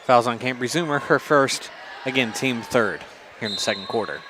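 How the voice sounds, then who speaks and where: A man with an Oklahoma accent giving calm color commentary on radio, adding stats and foul counts. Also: mid-range voice, normal speed, noisy background. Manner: calm, adds stats and fouls.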